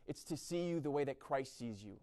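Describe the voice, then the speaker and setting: A young East Coast man in the US gives a blunt, sermon-like talk at a university chapel event, frequently asking "right?". His mid-range voice is animated and dark, moving a little fast.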